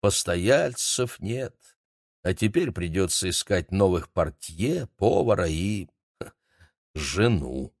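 A man voicing a mournful, fretful old hotel owner who laments and scolds in a low, slow voice. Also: very animated, creaky, no echo, studio quality, heavily acted. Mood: aggrieved. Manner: lamenting, exasperated.

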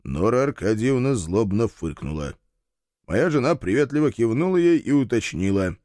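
A man reads a first-person story aloud with wry, dry humor. His pitch is lively, rising and falling freely. The voice is recorded close and dry. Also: normal speed, no room sound. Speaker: audiobook narrator. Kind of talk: first-person audiobook narration.

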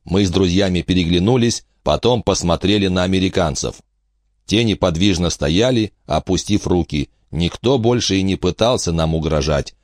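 A man narrating an audiobook in the first person with expressive storytelling. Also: low-pitched, normal speed, no room sound, clean studio sound.

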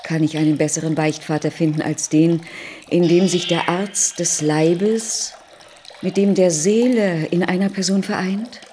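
A woman's voice: lowish voice, fairly even intonation, unhurried, dark tone, slight background noise, close to an everyday voice. A woman playing a scheming, self-assured noble Roman lady in a radio play. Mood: coaxing.

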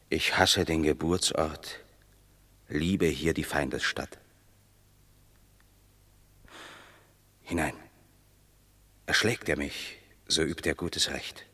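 A male actor with a slightly bright bass voice voices a banished Roman warrior full of pride and scorn in a classical verse radio play. He declaims in a stately, measured way, with a heavily acted, brooding performance.

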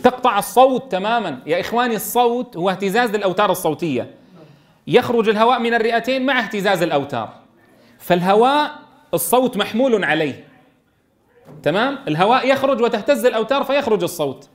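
A man teaching Quran recitation to a class, quizzing students and sounding out letters slowly. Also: high voice, animated. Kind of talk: classroom tajweed lesson.

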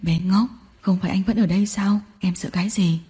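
A woman reading a storybook and voicing a patient young man who gently comforts his partner. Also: fairly quick, breathy edge. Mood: soothing. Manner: soft, soothing, low-voiced.

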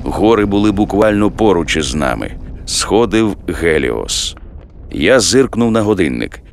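A man narrating an audiobook in a steady, measured reading. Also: sits low.

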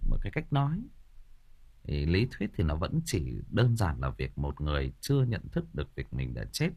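A man's voice: low voice, breathy edge. Playful rambling man. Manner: rambling, stumbles over repeated filler words; jokey and playful, laughs at his own stories. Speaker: audiobook host chatting with listeners. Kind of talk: casual livestream chat.

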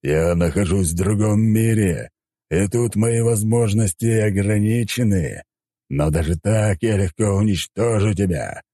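A man voicing an arrogant male blood deity who talks in a slow, sneering drawl. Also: on the low side, dark tone, no room sound, clean studio sound, voice pushed up.

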